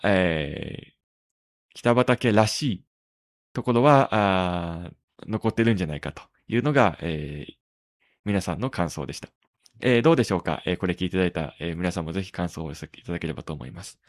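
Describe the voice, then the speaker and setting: A man hosting a tech podcast in casual talk, pausing often on drawn-out fillers between phrases. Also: medium pitch, no echo, clean studio sound. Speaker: podcast host.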